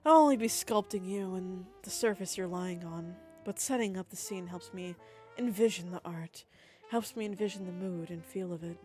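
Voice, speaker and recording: A woman voicing a commanding, seductive aristocratic woman professor in a dating-sim game, speaking low, measured and composed. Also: dark tone, soft background music, close to an everyday voice. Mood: teasing.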